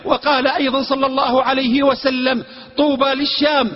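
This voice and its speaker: High-voiced impassioned male preacher, reverberant hall. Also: flat delivery, brisk. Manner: impassioned, with chanted and shouted passages. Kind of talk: sermon. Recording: reverberant hall, dull lo-fi sound.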